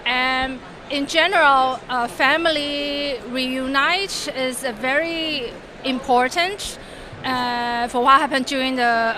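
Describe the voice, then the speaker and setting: A woman from Taiwan, speaking as an interview guest in a halting way and searching for words. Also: high voice, bright, forceful tone. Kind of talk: casual chat. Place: busy exhibition hall. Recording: crowd noise of a busy expo hall.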